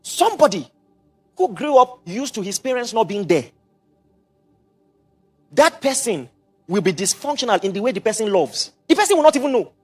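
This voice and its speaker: A middle-aged Nigerian man preaching a sermon, mixing in Pidgin asides and quick repetitions. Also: sits high, big pitch swings, soft background music. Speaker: pastor.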